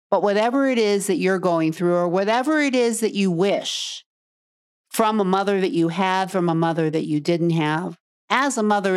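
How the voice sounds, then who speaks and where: A middle-aged woman hosting a podcast as a coach, talking earnestly and straight to the listener, repeating phrases for emphasis. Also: fairly low pitch. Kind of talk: heartfelt podcast monologue.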